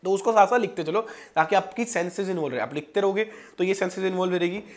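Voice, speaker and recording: Young male student-tutor, casual direct coaching talk, fairly high-pitched voice. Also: quick pace. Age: 20s. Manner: chatty, direct, addresses students as "janab" and "bhai". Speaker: medical student teaching exam prep.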